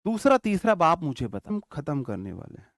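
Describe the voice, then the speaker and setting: Male grammar teacher, fairly high pitch, patient dictation, frequent check-ins, dry studio sound. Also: sing-song, dry recording. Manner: slowly dictates example sentences word by word; checks in often with the class. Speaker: English teacher. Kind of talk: online grammar lesson.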